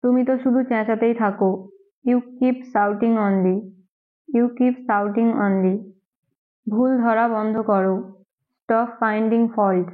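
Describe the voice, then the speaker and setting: A woman English teacher, a native Bengali speaker, reading daily phrases and repeating each one twice, very slowly. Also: on the high side, steady tone. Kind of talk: slow drill reading of phrases. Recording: tinny phone-like recording.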